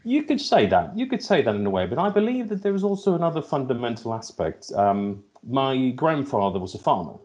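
Here the Finnish guest, a middle-aged man who runs logistics, sounds medium-pitched and slightly mellow. His accented replies to the interviewer come haltingly, with words repeated while he settles on how to phrase things.

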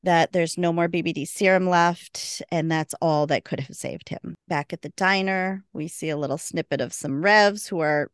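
A woman co-hosting a podcast, casually recapping a TV episode and acting out the characters' lines with big jumps in pitch. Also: moderate pace, few pauses, smooth, dry recording, clean studio sound.

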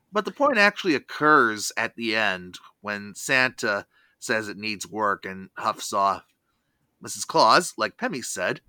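A man's voice: mid-range voice, bright, forceful tone, dry recording. A man hosting a review show, reading a scripted recap with asides.

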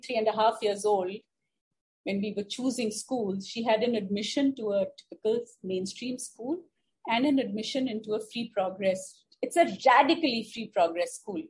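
A middle-aged woman speaks in a fairly high voice with a polished, educated Indian accent. She talks in a conversational, reflective way, articulate and emphatic, leaning on repeated words to make a point. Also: a little mellow, rough recording. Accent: educated Indian English. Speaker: interview guest, parent. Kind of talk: conversational interview answer, personal reflection.

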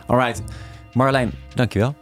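A man co-hosting a casual chat, asking short quickfire questions. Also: medium pitch, steady tone, soft background music. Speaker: co-host.

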